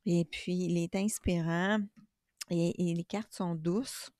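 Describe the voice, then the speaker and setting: Woman, Québécois accent, unhurried, mellow voice, soothing spiritual vlog talk. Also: fairly low pitch, no room sound, clean studio sound. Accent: Québécois French. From Quebec. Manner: calm, soothing, gently reflective. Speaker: spiritual YouTuber and tarot reader.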